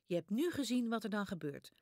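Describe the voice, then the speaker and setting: A woman's voice: medium pitch, sing-song, brisk, darkish tone, dry recording, clean studio sound. A woman voicing a small boy who talks to his dog in a children's storybook reading. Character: eager little boy, a toddler.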